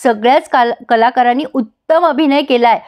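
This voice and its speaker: A woman's voice: sits high, moderate pace, darkish tone. A woman retelling a TV serial episode in a storytelling manner, addressing her viewers directly. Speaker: serial recap narrator.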